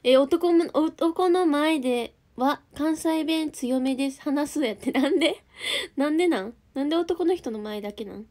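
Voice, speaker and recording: A woman's voice: high voice, normal speed, a little mellow. A young woman with a Kansai accent chatting casually on a livestream, reading out viewer comments and answering them. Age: young adult. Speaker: idol group member streaming live.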